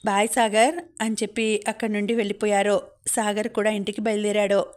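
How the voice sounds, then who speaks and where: A woman's voice: medium pitch, monotone, brisk. Woman narrating a Telugu audiobook. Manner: reads all characters' lines in a lightly varied voice. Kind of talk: storytelling narration with voiced dialogue.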